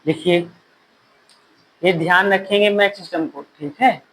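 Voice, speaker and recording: A male teacher giving a classroom lecture, repeating key phrases slowly so students can write them down. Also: high voice, fairly bright tone, a little hiss or hum, rough recording.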